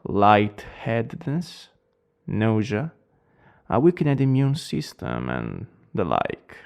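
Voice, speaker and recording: A man acts out a plague doctor in a role-play, coldly polite and clinical, with an Italian accent. His mid-pitched voice crackles with gravelly fry. He speaks slowly and formally, with sweeping rises and falls in intonation. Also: very animated, darkish tone, exaggerated voice. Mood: grave, lecturing. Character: cold, eerily polite male plague doctor.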